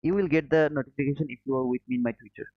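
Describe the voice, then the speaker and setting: This Bangladeshi trading livestream host talks very fast in a medium pitch, reading out viewers' comments and replying in a friendly, casual way, often chuckling and addressing people as brother. The recording is dry and lo-fi.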